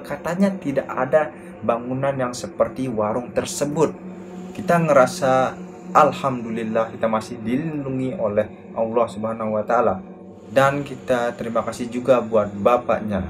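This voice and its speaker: A man tells a horror story in a relaxed, conversational voice. His pitch sits in the middle and his delivery stays casual and slangy. A steady hiss of background noise runs under the whole recording. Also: moderate pace. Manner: casual, slangy first-person retelling.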